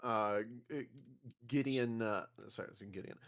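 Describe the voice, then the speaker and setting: Slow, hesitant male tabletop gamer. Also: lowish voice, a bit bright, smooth. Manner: hesitant, stammering, searching for words. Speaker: player in a tabletop game. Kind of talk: improvised tabletop role-play.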